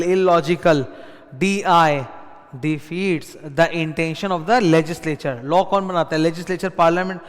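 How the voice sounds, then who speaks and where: A man's voice: sits high, smooth, big-room sound. A male teacher with an Indian accent giving an exam revision lecture, switching between Hindi and English and speaking straight to his students. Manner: mixes Hindi and English, addresses students directly with reassurance.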